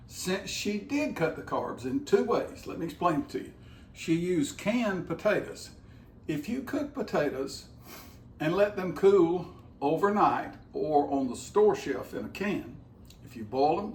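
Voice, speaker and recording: A man's voice: on the high side, roomy sound, far from the mic, slight background noise. An older man, co-hosting a home cooking show and explaining nutrition step by step in a folksy, enthusiastic way. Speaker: cooking channel co-host. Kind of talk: casual chat, explaining nutrition. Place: home kitchen.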